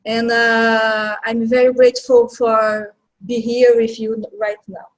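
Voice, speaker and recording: Slow-talking Brazilian woman in her forties. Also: on the high side, flat delivery, slight background noise, rough recording. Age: 40s. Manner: slow, halting, with soft laughs. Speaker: caller, healing instructor. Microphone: video call.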